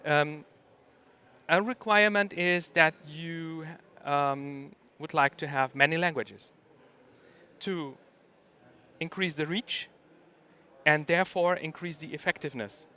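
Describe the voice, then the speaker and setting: Man, conference talk, lots of ums and uhs, fairly high voice, bright and crisp. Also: takes it slowly. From Germany. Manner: hesitant, many ums and uhs. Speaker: conference speaker.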